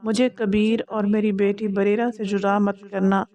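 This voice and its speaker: A young mother in a narrated story pleads and weeps, asking to be forgiven, as a woman reading it voices her. The tone is mellow and soft rather than bright. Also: mid-range voice, little pitch movement, lo-fi sound, lightly acted. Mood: pleading. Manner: tearful, imploring.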